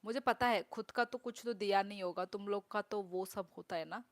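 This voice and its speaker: A woman's voice: mid-range voice, moderate pace. A young woman chatting casually on a live stream, reading comments and repeating words as she works them out.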